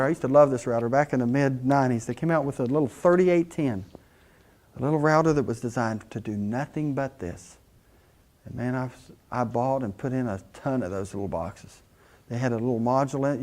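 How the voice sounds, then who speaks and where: A man's voice: fairly high pitch, darkish tone. A middle-aged man teaching a technical class in a conversational way, telling anecdotes and asking rhetorical questions. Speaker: instructor. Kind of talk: technical lecture.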